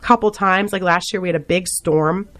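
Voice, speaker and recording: A woman's voice: on the low side, normal speed. A woman from the Boston area with a faint Boston accent, a guest on a radio chat, talking animatedly with lots of fillers and frequent laughs. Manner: animated chatterbox, laughs often, full of fillers. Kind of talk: chatty interview conversation.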